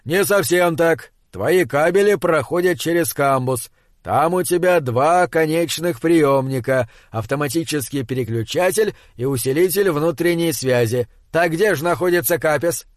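A man's voice: a little high, normal speed, no room sound, studio quality, natural voice. A man reading a bossy, impatient spaceship captain. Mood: businesslike. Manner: impatient, shouting when pressed. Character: exasperated male spaceship captain, shrewd and bossy.

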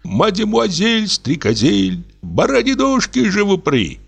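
A man voicing a rowdy drunken male reveler who shouts orders to a servant at a feast. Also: sits high, huge pitch swings, unhurried, creaky, husky, faint music behind, pitched above the performer's own voice, heavily acted. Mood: boisterous.

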